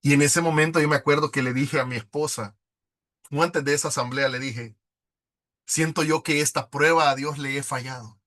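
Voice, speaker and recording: A man's voice: fairly high pitch, fairly even intonation, moderate pace, a bit bright. A middle-aged man, telling his personal faith testimony with emotion and acting out past conversations. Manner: emotional storytelling, acts out past dialogue. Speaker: testimony speaker at a prayer group.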